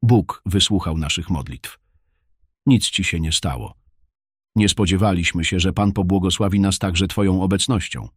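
A man's breathy-edged voice, at a moderate pace, brings to life a sociable market fruit seller who occasionally whispers. The warm, talkative performance is recorded cleanly in a studio with no room sound.

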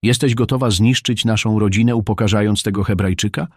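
Low-voiced man reading a severe, commanding mother from ancient times, dry sound. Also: fairly even intonation, a little fast, no echo. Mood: threatening. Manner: stern, commanding. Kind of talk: audiobook reading.

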